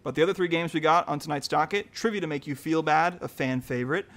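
A man hosting a casual news trivia quiz, upbeat and chatty, reading questions out slowly. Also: fairly high pitch, fairly bright tone. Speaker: quiz host.

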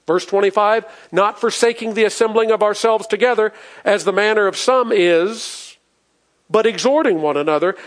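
A pastor preaching a sermon to his congregation, reading scripture aloud and asking the people questions. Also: high-pitched. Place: church in front of a congregation.

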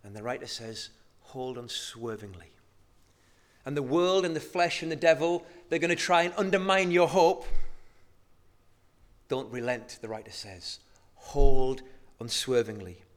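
A man preaching a sermon, moving between hushed, slow emphasis and loud, rising exhortation. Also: fairly high pitch, expressive.

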